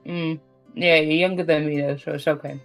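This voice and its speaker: A woman's voice: sits low, steady tone, brisk. A woman in her thirties chatting casually while gaming, blunt and sweary. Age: 30s. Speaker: gaming stream co-host. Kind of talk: casual chat. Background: game music.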